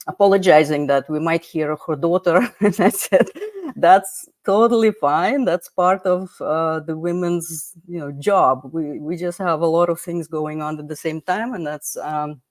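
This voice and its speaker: A woman's voice: sits low, unhurried, dry recording. A woman hosting a livestream panel over a video call, chatty, with many fillers and restarts. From United States. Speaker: livestream host.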